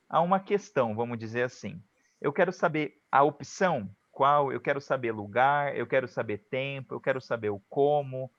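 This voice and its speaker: A man teaching an English class online, saying English examples slowly and clearly, then translating them and often checking that the students follow. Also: fairly high pitch, fairly bright tone, dry recording, lo-fi sound. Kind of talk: online class, explaining grammar.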